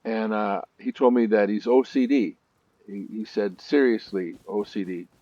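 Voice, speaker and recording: Low-voiced man chatting over gameplay. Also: measured pace, warm tone, no echo, dull audio. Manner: chatty storytelling, nervous asides. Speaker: gaming video host. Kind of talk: let's-play commentary.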